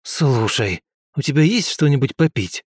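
A man voicing a young male academy student who speaks in a wry, brisk way. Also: medium pitch, animated, husky, no echo, studio quality.

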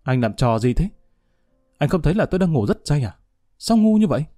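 A man voicing a fiery, distraught young woman in a spoken story, pleading and shrill. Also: lively intonation, brisk, warm tone, faint music behind. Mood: furious.

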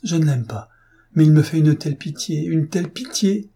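A man's voice: a little high, moderate pace, creaky, dark tone, breathy edge, voice pushed up. A man reading an audiobook, voicing an anguished, tearful young aristocratic wife in a pleading manner. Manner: pleading, sobbing.

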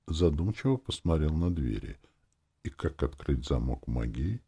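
A man's voice: extremely low pitch, sing-song, measured pace, gravelly, dark tone, husky. A man narrating a first-person fantasy audiobook in a wry, conversational way.

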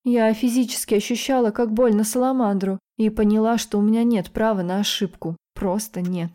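A woman narrating a fantasy novel in the first person with steady, expressive reading. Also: medium pitch, a little fast. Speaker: audiobook narrator.

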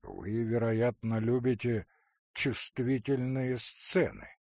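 A weary, stern nobleman, read by a man who speaks in a cold, hollow, restrained voice. He talks slowly and deliberately. The sound is dry and close. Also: medium pitch, expressive, gravelly, darkish tone, no echo. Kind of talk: audiobook character reading.

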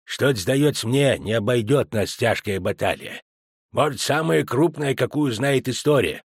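A man voicing a gruff, thoughtful male dwarf leader who speaks in a measured way in an audiobook. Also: medium pitch, lively intonation, no echo, studio quality.

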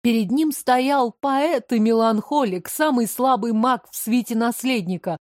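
A woman's voice: on the high side, unhurried, no echo, clean studio sound. A woman narrating an audiobook in a tense, dramatic storytelling manner. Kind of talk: scripted narration.

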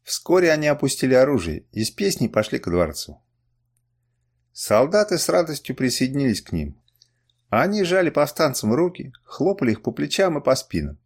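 A man's voice: medium pitch, very animated, normal speed, breathy edge. Man narrating an adventure audiobook. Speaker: audiobook reader. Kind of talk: first-person novel narration.

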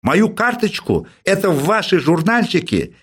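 A man voicing an irascible old male professor who shouts in hysterical outbursts, in an audiobook. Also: sits high, wildly swooping pitch, normal speed, slightly rough, pitched above the performer's own voice, heavily acted. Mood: furious. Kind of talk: audiobook character voice.

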